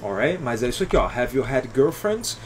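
The same kind of livestream English lesson comes from a Brazilian-accented man who greets his viewers by name, explains things patiently, and tends to close with "alright?" Here his medium-pitched voice is very animated and a little fast, over slight background noise.

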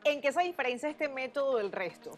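Presentadora de voz aguda entrevistando. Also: female voice, high-pitched, lively intonation, brisk, soft background music. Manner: asks prompting questions. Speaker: TV show host. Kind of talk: interviewing a guest.

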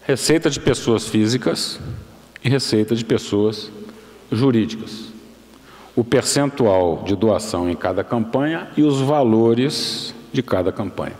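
A man's voice: mid-range voice, expressive, a little mellow. Older man lecturing in a big hall. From Brazil. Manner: measured, explanatory, with restarts and self-corrections. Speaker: guest lecturer. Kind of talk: formal lecture. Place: large university auditorium, speaking at a lectern. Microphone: lectern microphone. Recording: long hall reverb.

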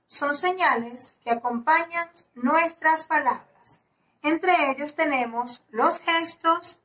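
A woman's voice: high voice, a bit bright, low-quality recording. A woman from Venezuela with a Venezuelan Spanish accent, a third-grade teacher giving a recorded lesson to children, explaining patiently with spoken examples.

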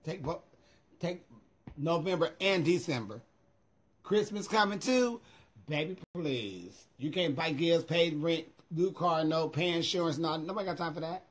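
Husky, high-pitched American man, sassy. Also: measured pace. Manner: sassy, emphatic, profanity-laced. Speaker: vlogger. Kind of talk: casual livestream chat. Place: small room at home. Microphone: phone at arm's length.

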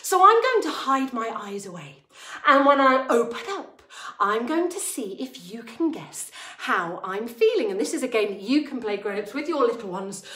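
A woman in her thirties presenting a drama class to young children in an exaggerated, overbright kids party host manner, theatrical and expressive. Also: fairly high pitch, moderate pace. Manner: theatrical, expressive, acting out emotions. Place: attic-style studio room, indoors. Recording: roomy echo, music at times.

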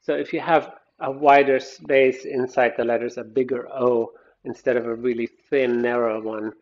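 A man's voice: medium pitch, fairly even intonation, normal speed, darkish tone, lo-fi sound. A man teaching a design lecture over slides, explaining step by step and often restarting his sentences. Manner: explanatory, thinks aloud with frequent restarts. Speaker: design instructor.

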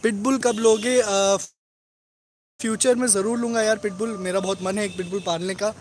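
High-voiced man greeting live viewers. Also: steady tone, slight background noise. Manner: rapid greetings to commenters, frequent tag questions. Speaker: dog vlogger hosting a live stream. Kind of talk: casual live-stream chat. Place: at home among his dogs.

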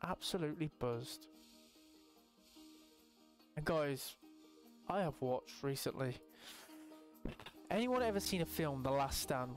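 Young man, excitable gaming commentary, slightly high voice, loud music underneath. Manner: excitable, chatty, swears freely, talks to viewers. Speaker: gaming YouTuber. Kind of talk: casual gameplay commentary.

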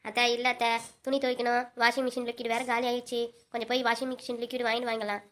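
A woman's voice: fairly high pitch, flat delivery, rapid-fire, fairly bright tone, natural voice. A woman playing a whiny young daughter-in-law in a comedy skit, pleading with her mother-in-law. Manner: pleading, repeating "aunt" in every line.

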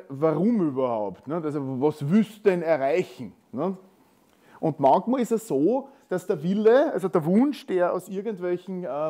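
A man's voice: on the high side, warm tone. A man with an Austrian accent giving a technical conference talk in a lecture hall, conversational and full of tag questions. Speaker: conference speaker.

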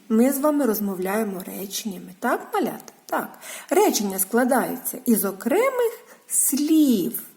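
A woman teaches small children in a slow, sing-song voice, stretching out each syllable. Her voice sits a little high and swoops up and down as she talks. It sounds like a patient lesson for little ones. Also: a little mellow. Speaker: preschool teacher.

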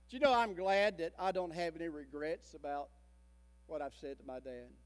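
A man in his sixties, a pastor preaching a sermon, telling a story dramatically and swinging between loud emphasis and hushed tones. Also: on the high side, normal speed. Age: 60s. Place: church sanctuary. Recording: long church reverb.

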